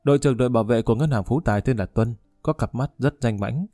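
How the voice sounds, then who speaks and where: A man narrating a novel in a steady storytelling voice, lightly shifting his tone for each character's lines. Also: mid-range voice, fast, dry recording, studio quality. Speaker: audiobook narrator. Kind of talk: scripted narration of a novel, voicing all characters.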